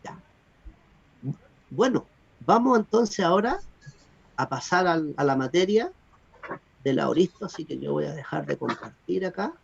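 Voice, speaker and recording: A man teaching Greek grammar in an online class, explaining rules in an animated way and checking that students follow. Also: on the high side, measured pace, gravelly, pauses often, breathy edge. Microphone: video call. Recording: dull lo-fi video call audio.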